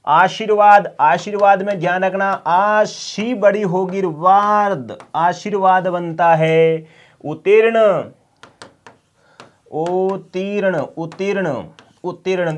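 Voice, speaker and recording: A man teaching an online exam-prep language lesson, drilling each word by slow repetition and teasingly pushing students to answer quickly. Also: high-pitched, highs cut off. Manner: drills words by repeating them slowly, quizzes students; playful teasing threats to hurry answers. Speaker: Hindi teacher.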